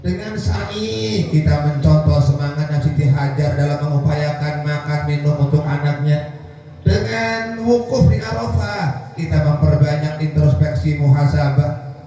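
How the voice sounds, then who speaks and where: A man's voice: on the high side, measured pace, warm tone. Joking male preacher, echoey. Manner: jokes and asks the audience to answer back. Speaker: Islamic preacher. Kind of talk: lively sermon at a pilgrimage send-off. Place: echoey hall at a home gathering. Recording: echoey, distant mic, faint music.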